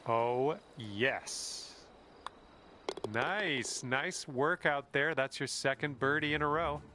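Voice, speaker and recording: A man's voice: mid-range voice, takes it slowly, noisy background, close to an everyday voice. A man voicing a cheerful golf caddie. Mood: encouraging. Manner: upbeat, encouraging, folksy. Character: cheerful encouraging adult male golf caddie. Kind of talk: game voice lines. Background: background music.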